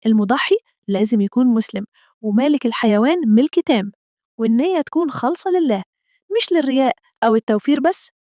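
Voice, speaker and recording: A woman's voice: on the high side, animated, fast, warm tone, dry recording, studio quality, natural voice. A woman voicing a middle-aged Egyptian mother who scolds her husband and patiently explains things to her children, with an Egyptian accent. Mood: tender. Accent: Egyptian Arabic.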